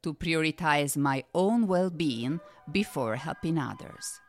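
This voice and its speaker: A woman voicing a calm, mysterious genie. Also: low-pitched, unhurried, soft background music. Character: calm mysterious male genie, kindly wise.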